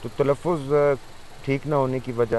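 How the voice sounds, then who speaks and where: Man, interviewer, frequent affirmations, mid pitch, faint ambience. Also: fairly even intonation, a little mellow, slight background noise, rough recording. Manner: short affirmations, prompting questions. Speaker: interview host. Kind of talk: conversational interview.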